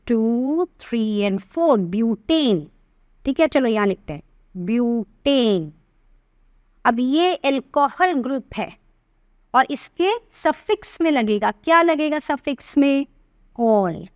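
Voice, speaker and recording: An Indian woman teaching chemistry, asking the class questions and spelling out formulas slowly. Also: high-pitched, dry recording, studio quality. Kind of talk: classroom lesson in Hindi-English mix.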